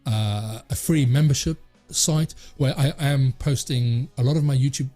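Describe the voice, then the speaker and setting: With faint soft music in the background, a tech host rambles on camera in a warm, lightly raspy mid-range voice. He trips over words, restarts, and plugs gaps with "uh."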